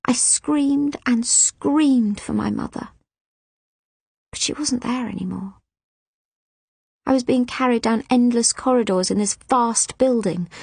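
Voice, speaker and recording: A woman reading a children's audiobook in an expressive, emotive first-person storytelling style. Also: on the high side, gravelly, breathy edge, dry recording. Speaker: audiobook reader. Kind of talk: scripted first-person narration.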